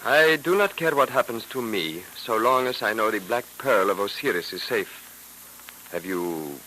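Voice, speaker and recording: An actor in old radio drama style playing a courteous, resigned Egyptian cult captive with formal, deliberate phrasing. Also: male voice, on the low side, lively intonation, pushed and bright. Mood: earnest. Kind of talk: 1940s radio drama acting. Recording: noisy vintage radio recording.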